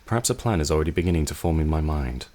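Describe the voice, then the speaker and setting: Man, very deep voice, let's play host, reads game narration, measured and dry. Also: animated, a little mellow, a little hiss or hum. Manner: measured, dry reading with asides. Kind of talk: reading game narration aloud.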